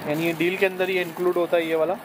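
A food vlogger in his thirties casually films on a handheld phone, first eating in a restaurant cabin and then driving at night, chatting enthusiastically and often adding religious blessings. His voice sits high with a level tone and quick pace, over noisy street and car background.

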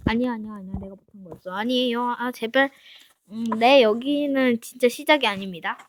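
A woman's voice: fairly high pitch, brisk, slight background noise. A woman playing through a parkour map, chatting playfully to herself and her viewers as she goes. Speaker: game streamer. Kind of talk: casual Minecraft parkour playthrough commentary.

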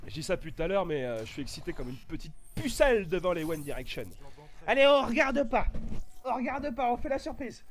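A high-pitched man talking through his gameplay in a casual, excitable way. His voice leaps all over the place, and he bursts into swearing and shouting before settling down again. His nose is stuffy and itchy. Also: a little fast. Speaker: gaming YouTuber.

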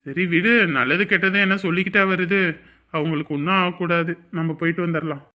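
A man's voice: on the high side, steady tone, brisk, sharp tone, highs cut off. A man playing a caring middle-aged village father in a family drama, speaking earnestly. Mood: resigned.

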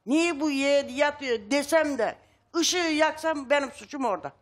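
Older woman, high voice, vivid retelling. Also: normal speed. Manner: acts out quoted dialogue in a raised voice. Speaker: widow interviewed at home. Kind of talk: emotional testimony.

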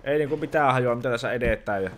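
A man's voice: medium pitch, a bit bright, a little hiss or hum. A man doing casual let's-play commentary as a grumpy dad, exasperated and scolding, grumbling at the game as he plays. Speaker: gaming channel host playing a dad persona.

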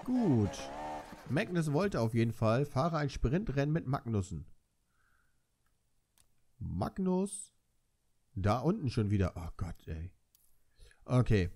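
A man's voice: mid-range voice, sing-song, takes it slowly, pauses often, dark tone. A young man giving joking, self-mocking commentary while playing a racing game. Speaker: let's play commentator. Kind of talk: casual gameplay commentary. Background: game music and car sounds.

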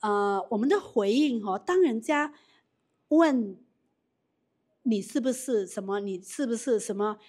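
A woman runs a live business training, her voice sitting a little high. She is animated, asks the room questions and restarts her sentences often, talking straight to the people in front of her. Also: a little slow, long pauses. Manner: animated, repeats questions to the audience, frequent restarts. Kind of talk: live training talk with audience Q&A.

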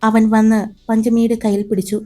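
A woman narrating a romance story in a calm, steady reading manner, with faint background music. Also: a little high, fairly quick. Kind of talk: scripted storytelling.

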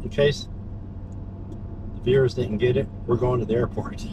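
With a medium-pitched, steady voice at a moderate pace, a man hosts a vlog from the driver's seat. The chat is informal, full of short tag questions. Car and road noise surround him in the moving interior.

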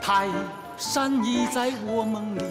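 Brief: a swaggering young groom; high, lively voice; hall reverb and music underneath. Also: male voice, slow pace. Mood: boastful. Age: young adult. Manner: boastful, showy, exclaiming. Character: boastful young groom showing off. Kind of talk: TV drama acting.

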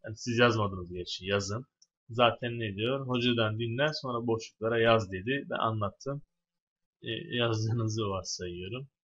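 A man's voice: on the low side, moderate pace, fairly bright tone, breathy edge, lo-fi sound. A man teaching an Arabic lesson, reading a story phrase by phrase and translating each piece for his students. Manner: reads a phrase in Arabic, then translates it word by word; explanatory, addresses students directly. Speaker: religious high school Arabic teacher.

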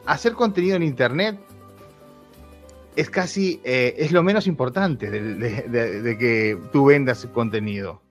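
A Uruguayan YouTuber in his thirties, appearing as a guest in a casual interview, talks candidly, laughs often and keeps restarting his sentences. His mid-range voice moves a little slowly. The sound is dull and lo-fi, with faint music underneath.

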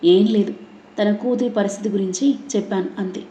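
A woman's voice: medium pitch, steady tone, a little fast, dark tone, echoey room, dull audio, a little hiss or hum, lightly acted. A woman voicing a sneering young schemer. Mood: light. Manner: sneering, sarcastic.

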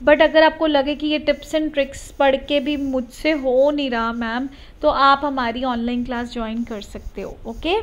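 Punjabi-accented woman teacher, high voice. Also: fairly even intonation, unhurried, muffled recording. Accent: Punjabi-tinged Indian English. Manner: mixes Hindi and English, reassuring and coaching. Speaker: IELTS teacher. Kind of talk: live online class, reading viewer comments.

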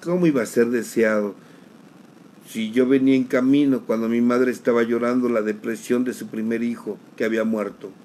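Middle-aged man, personal testimony, repeats phrases, mellow dark voice, faint hiss behind. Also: mid-range voice, steady tone, rough recording. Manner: slow, emotional, repeats phrases for emphasis. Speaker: sharer at a recovery group meeting.

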